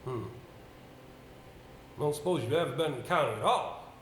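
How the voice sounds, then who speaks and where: On an indoor stage, with roomy and slightly noisy room sound, a man plays a rambling, brisk, avuncular older solicitor and senior boss in an amateur production. His voice is on the high side, expressive, and lightly acted at a moderate pace, full of musing hesitation and throat-clearing.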